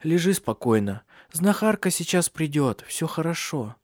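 A man's voice: a little high, big pitch swings, measured pace, darkish tone, no room sound, clean studio sound, pitched above the performer's own voice. A man voicing a stern noblewoman who speaks firmly and earnestly. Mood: firm, soothing. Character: stern noblewoman sister-in-law, remorseful.

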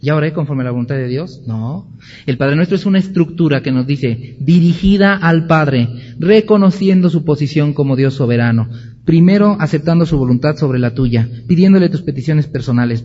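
A man's voice: fairly high pitch, husky. A man teaching a Bible class, emphatic and full of rhetorical questions. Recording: dull recording with long hall reverb.

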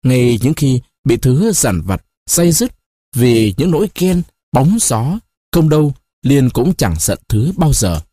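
A man narrating a novel as an audiobook, in an expressive storytelling manner. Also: medium pitch, slow pace, dry recording, studio quality.

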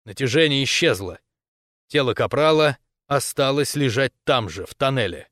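A man narrating a first-person science fiction story in a steady storytelling manner. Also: medium pitch, normal speed, dry recording, studio quality. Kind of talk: audiobook narration.

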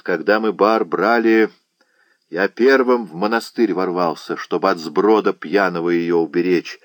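A man's voice: low voice, no echo. A man voicing a fierce, lovesick Cossack chieftain in an audiobook, speaking with passion and anguish.

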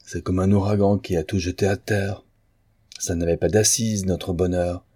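A man's voice: sits low, little pitch movement, moderate pace, warm tone, husky, dry recording. A man voicing an earnest, principled man in an audiobook of a novel, pleading and stern.

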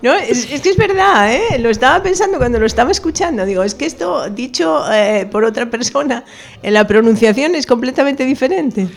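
A woman, co-hosting a casual radio chat in a thoughtful, measured way. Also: high-pitched, expressive, creaky. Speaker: radio co-host.

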